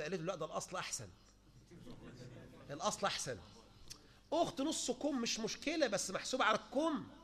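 A man with an Egyptian Arabic accent delivering a sermon, asking rhetorical questions and mocking the views of others. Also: sits high. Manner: animated, rhetorical questions, mocking quoted opponents. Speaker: preacher.

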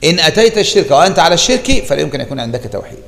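Gravelly, quick Egyptian teacher in a hall. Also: male voice, fairly high pitch. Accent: Egyptian Arabic. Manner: animated teaching, repeats key phrases for emphasis. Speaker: religious teacher. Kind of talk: explaining a classical text in a lesson.

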